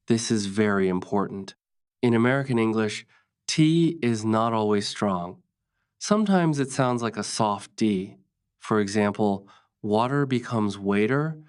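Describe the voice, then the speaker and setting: A man with a slightly low, smooth and resonant voice delivers a scripted English accent lesson. He speaks very slowly in short, plain sentences, one instruction at a time. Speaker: English teacher.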